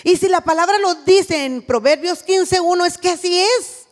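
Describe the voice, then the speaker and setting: A woman's voice: very high voice, normal speed, big-room sound. A woman giving an earnest sermon at a women's church retreat, acting out what a mother says to her child.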